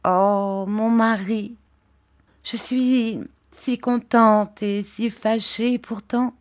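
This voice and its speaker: A woman voicing a frail, childlike young wife who speaks softly, eagerly and with great affection. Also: on the high side, steady tone, very slow, voice pushed up. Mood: tender. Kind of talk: audiobook character voice.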